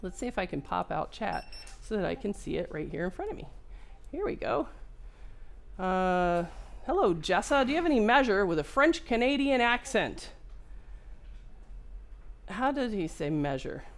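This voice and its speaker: A chatty woman talks through a repair at her workbench in a casual tutorial. She moves easily between telling a personal story and explaining each step as she works, at a mid-range pitch for a woman. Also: normal speed, creaky, pauses often. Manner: chatty, lively, jumps between story and narrating her work. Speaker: microsoldering repair technician and instructor.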